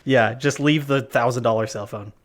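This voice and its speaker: A man's voice: mid-range voice, moderate pace. Rambling storytelling podcast man. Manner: animated storyteller, many fillers and restarts. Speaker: podcast co-host. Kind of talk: casual chat. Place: worked at a gym front desk.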